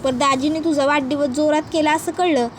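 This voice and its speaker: A woman's voice: sits high, fairly even intonation, fairly quick, slight background noise, close to an everyday voice. A woman doing a fussing village elder sister. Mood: fond. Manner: fussing, rustic village dialect.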